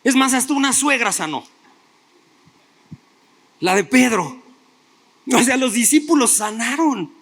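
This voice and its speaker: High-voiced man preaching a sermon. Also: lively intonation, a little slow, gravelly, pauses often, a bit bright. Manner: storytelling preaching with rhetorical questions to listeners. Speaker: pastor.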